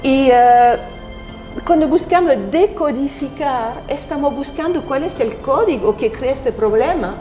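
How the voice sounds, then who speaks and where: A woman from France speaking Spanish with a French accent, calmly explaining her work as an interview guest, with pauses and restarts. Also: high-pitched, reverberant, faint music behind, rough recording. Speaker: guest, NLP practitioner. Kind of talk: interview conversation.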